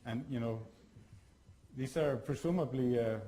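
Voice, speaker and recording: A man from Iceland giving a workshop lecture, talking in a halting way with many fillers and restarts. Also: medium pitch, mellow, rough recording.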